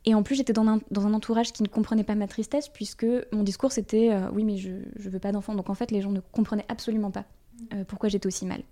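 A woman guest in a podcast conversation, speaking candidly in a halting way, with many fillers and frequent laughs. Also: medium pitch, fairly even intonation, warm tone. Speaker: interview guest, brand designer.

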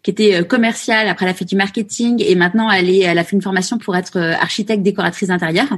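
Female interviewer, mid pitch, casual and halting delivery. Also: fairly even intonation. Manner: halting, many fillers and restarts.

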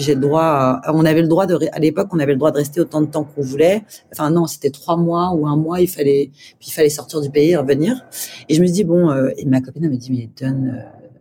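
Woman guest in her forties from France, warm dark tone, hesitant and full of restarts. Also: low voice, a little hiss or hum. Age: 40s. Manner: halting, many fillers and restarts, laughs while telling. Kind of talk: casual interview storytelling.

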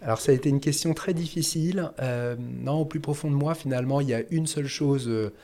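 A man's voice: mid-range voice, fairly quick, dark tone. A man speaking as a podcast guest in a casual interview, hesitant, with many fillers and restarts.

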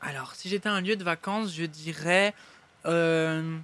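A man's voice: a little high, a little slow, bright, forceful tone, no echo. A man, chatting as a guest singer in an interview in a restaurant, enthusiastic and rambling with many restarts. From Belgium. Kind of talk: casual interview chat.

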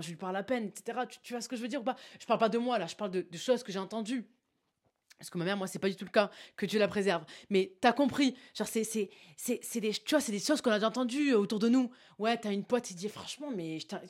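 A young woman giving a casual, emphatic motivational talk, addressing the listener directly with frequent asides. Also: mid-range voice. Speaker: motivational vlogger.

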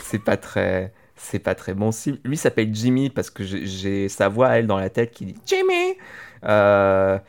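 A man's voice: on the low side, moderate pace, creaky, few pauses, darkish tone. A man chatting casually as a podcast co-host, telling a long story with many restarts and hesitations. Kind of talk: casual chat about a TV series.

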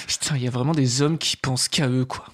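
A man's voice: mid-range voice, steady tone, a bit bright. Teasing male radio host. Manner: teasing, quick joking. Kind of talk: casual radio banter. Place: radio studio.

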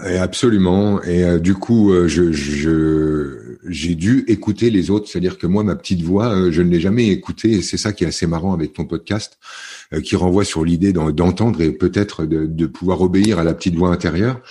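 A deep-voiced middle-aged man from France talks as a podcast guest, in a husky, mellow tone. He speaks in a casual, halting way, full of fillers and restarts as he tells his story. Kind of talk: casual interview chat.

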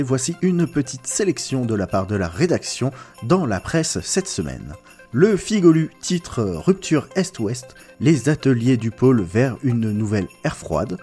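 A man's voice: medium pitch, dark tone. A man playing an upbeat morning newsreader on a Christmas elves' radio station, reading a scripted comic bulletin in a playful announcer manner. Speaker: radio news presenter.

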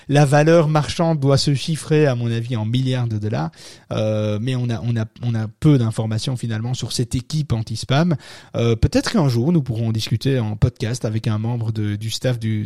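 Francophone guy rambling thru a live podcast from home, lots of euh and restarts, mellow dark voice, dry close sound. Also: mid-range voice, dry recording. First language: not French-born, francophone. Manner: rambling, many fillers and restarts; laughs at own asides. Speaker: podcast host. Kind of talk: casual live podcast talk.

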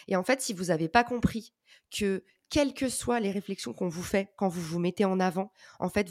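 A woman's voice: mid-range voice, a little mellow, dry recording. Earnest woman giving heartfelt advice, dry sound. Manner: earnest, encouraging, with frequent hesitations and restarts. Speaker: podcast guest giving advice. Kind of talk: conversational podcast advice.

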